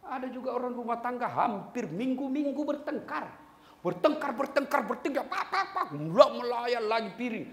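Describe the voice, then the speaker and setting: Animated male preacher in an echoey hall. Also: very high voice, normal speed. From Indonesia. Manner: animated, jokes with the crowd, breaks into song. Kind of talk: lively sermon to a congregation. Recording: echoey hall with long reverb.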